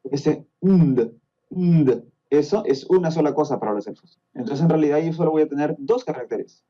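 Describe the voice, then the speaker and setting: Peruvian man, podcast guest, patient explainer; very dark, mellow tone, muffled lo-fi audio. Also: on the high side, quick pace. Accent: Peruvian Spanish. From Peru. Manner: patient, explaining step by step with frequent checks like "¿no?". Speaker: guest expert on Tolkien's languages.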